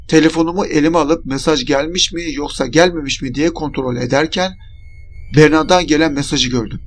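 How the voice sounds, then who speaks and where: Brief: male storyteller, fairly high voice, dramatic first-person horror narration. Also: slight background noise.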